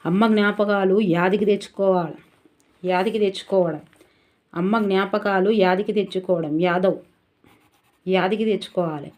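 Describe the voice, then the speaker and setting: A woman's voice: medium pitch, steady tone, moderate pace, long pauses, darkish tone. A young woman with a Telangana Telugu accent, tutoring for exams and repeating key words in sing-song drills. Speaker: exam tutor. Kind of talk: memory tricks for exam revision.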